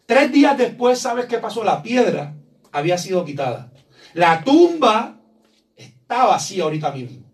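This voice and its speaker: A man preaches a sermon to his church in a high, ringing voice, pressing his points and acting out the voices of the people he quotes. He sounds set back from the microphone, with some distance in the sound. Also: lively intonation, fairly quick. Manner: preaches with rising emphasis, acts out quoted voices. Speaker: pastor.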